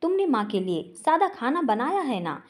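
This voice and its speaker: A woman voicing a young man, a devoted son who is quick to anger but pleads earnestly with his mother. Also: high-pitched, big pitch swings.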